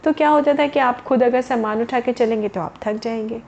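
Lady reading a kids' story, highish voice, slightly muffled, faint hum. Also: brisk, creaky, darkish tone. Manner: explains words, addresses children directly. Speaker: children's storyteller. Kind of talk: storytelling to children.

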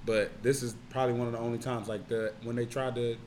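A man co-hosting a podcast, talking in a laid-back, halting way with many restarts. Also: medium pitch, steady tone, darkish tone, a little hiss or hum. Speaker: podcast co-host. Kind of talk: casual chat.

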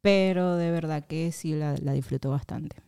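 A young adult woman with a Venezuelan accent, co-hosting a casual podcast chat with a friend, lively and full of colloquial exclamations. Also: deep voice, normal speed, creaky, smooth, dry recording, studio quality. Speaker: podcast co-host.

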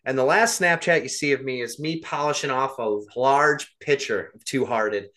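A young adult man co-hosting a podcast animatedly tells a funny story in casual chat, laughing along the way. His medium-pitched voice is bright and forceful, at a moderate pace.

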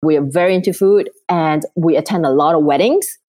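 Lady guest with a cold, lowish voice, chatty, laughs a lot. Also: brisk, warm tone. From Singapore. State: has a cold. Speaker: guest, event planner. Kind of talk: casual interview chat.

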